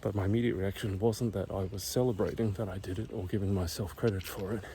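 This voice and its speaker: Out of breath on an uphill walk through a quiet neighborhood, this middle-aged vlogger talks in a hushed whisper, fast and low with fairly even intonation. It's a casual monologue, and a little hiss or hum can be heard.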